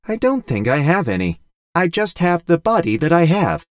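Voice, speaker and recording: A man voicing a small, cheerful male robot who talks in a gentle, thoughtful way, a little higher than his own voice. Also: wildly swooping pitch, normal speed, clear, resonant tone, dry recording, clean studio sound. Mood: earnest.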